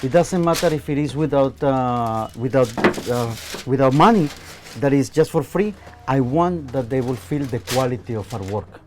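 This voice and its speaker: A Colombian man, a chef and local guide, explains things to a visitor at a bakery for an on-location interview. With background noise around him, he speaks at a moderate pace in a medium pitch, earnest but full of fillers and restarts.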